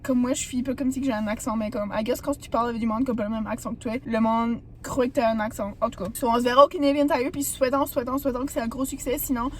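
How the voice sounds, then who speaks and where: A young woman with a Quebec French accent, hoarse from a sore throat, chatting and rambling in a casual vlog with lots of fillers. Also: a little high, steady tone, fast talker, hardly any pauses, slight background noise. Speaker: vlogger.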